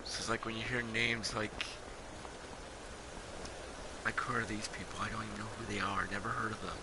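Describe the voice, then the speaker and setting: A man's voice: on the low side, steady tone, moderate pace, background noise. A man giving casual, rambling commentary as he plays a video game. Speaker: let's play streamer.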